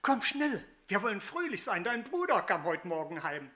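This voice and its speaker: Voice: mid-range voice, sing-song, moderate pace, bright, forceful tone. A reader voicing a forgiving, joyful father, speaking in celebratory rhymed verse. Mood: coaxing.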